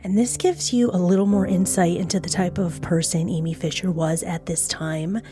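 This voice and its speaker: A woman's voice: lowish voice, steady tone, moderate pace, music in the background. A woman hosting a true crime podcast, narrating the case in a conversational storytelling way with casual asides. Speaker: podcast host.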